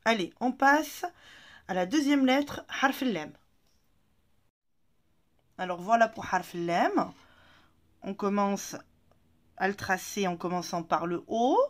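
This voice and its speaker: A woman's voice: mid-range voice, expressive, slow pace, pauses often. A woman teaching an Arabic reading lesson to French-speaking learners, patient and encouraging, stretching out syllables for the learners to repeat.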